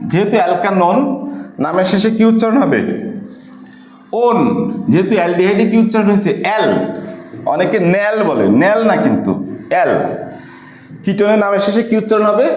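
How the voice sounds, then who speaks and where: A man's voice: sits high, a little mellow, roomy sound, rough recording. A young man with a Bangladeshi accent teaching a recorded chemistry lesson, asking questions and then answering them himself. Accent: Bangladeshi Bengali. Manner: asks questions and answers them himself while working through examples.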